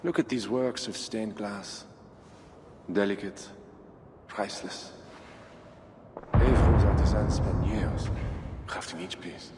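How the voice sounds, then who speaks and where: A man's voice: lowish voice, slow, pauses often, background noise. A man playing a proud, doomed Frankish count in a video game, with a courtly, theatrical delivery. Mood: wistful. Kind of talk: cinematic game dialogue. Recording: long hall reverb, music underneath.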